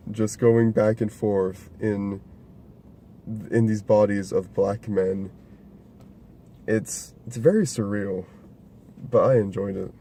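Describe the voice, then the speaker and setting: A man's voice: lowish voice, warm tone. A young man co-hosting a casual movie review chat, rambling, laughing often and swearing casually. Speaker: podcast co-host reviewing a movie. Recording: faint background noise.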